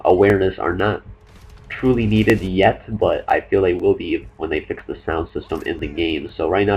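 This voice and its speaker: A young man commenting over his own gameplay, talking fast and rambling with many fillers and restarts. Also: deep voice, a little hiss or hum, poor audio. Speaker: gaming commentator.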